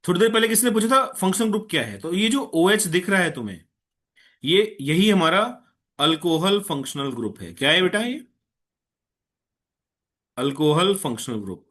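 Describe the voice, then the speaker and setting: This online chemistry lecture comes from a male teacher with a bright, high-pitched voice who blends Hindi and English. He frequently makes sure the class understands and calmly asks an overeager student to slow down.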